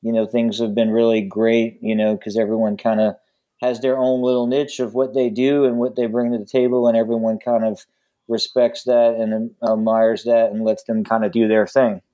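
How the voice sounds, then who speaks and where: A man speaking as a musician guest in a casual interview, halting often with frequent ums and uhs. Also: medium pitch, flat delivery, warm tone.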